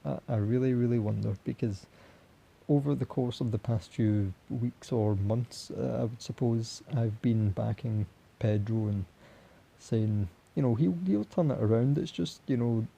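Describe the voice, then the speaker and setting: A young man with a hoarse voice that is giving out, talking in a disappointed, halting way as a football fan reacting after a match. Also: mid-range voice, dark tone. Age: young adult. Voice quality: husky, raspy. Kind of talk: solo post-match reaction talk.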